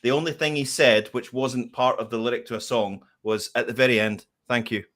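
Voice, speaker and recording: Man, casual music chat, storyteller, middle pitch. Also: brisk. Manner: chatty storyteller, animated anecdotes. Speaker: podcast co-host.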